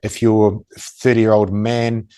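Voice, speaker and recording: A man's voice: fairly low pitch, flat delivery, slow, warm tone. A man with a broad New Zealand accent, explaining things conversationally as a tactical expert, blunt and matter-of-fact with dry humour. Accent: broad Kiwi (New Zealand). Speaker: self-defence and tactical expert guest, former police officer.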